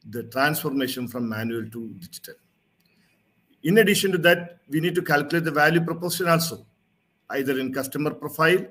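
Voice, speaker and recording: A man giving a formal keynote talk over a video call, reading through his slides in a measured presenter tone. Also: fairly high pitch, fairly bright tone. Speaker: keynote speaker. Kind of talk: prepared conference keynote. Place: home or office, seen on video call. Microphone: video call webcam mic.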